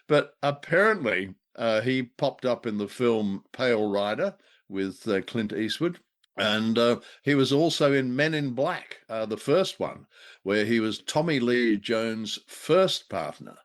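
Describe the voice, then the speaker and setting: Expressive and measured in pace, this man's medium-pitched voice carries a jokey, wry tone as he co-hosts a radio show. The casual talk turns to old radio drama, and he delivers it in a rambling, hesitant way.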